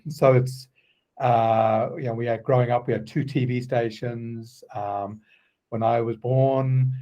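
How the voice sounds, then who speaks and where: A man around sixty with an Australian accent, a guest telling stories in a relaxed, halting way with many ums. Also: mid-range voice, rough recording. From Queensland, Australia. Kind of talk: casual interview chat.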